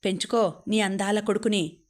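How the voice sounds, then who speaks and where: A cold, mocking husband, read by a woman narrator, every line cutting and contemptuous. The delivery stays flat with a narrow pitch range. It sits in a storybook reading. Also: moderate pace, natural voice. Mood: scornful. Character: harsh, sneering young husband.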